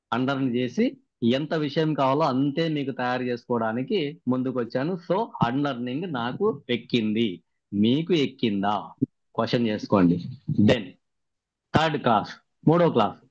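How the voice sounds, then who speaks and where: A man's voice: mid-range voice, moderate pace, no echo. A man, the trainer of a workshop, recaps the sessions and keeps putting questions to the participants over a video call. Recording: dry, muffled video-call audio.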